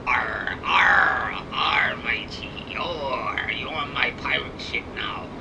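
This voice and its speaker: A gruff, growling old pirate captain, as a young man puts him on in a lowered voice. He sounds rough and boastful. A train game hums noisily underneath. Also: slow, recorded from a distance, dull audio. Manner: growling "arr, matey" pirate talk. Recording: train game noise behind.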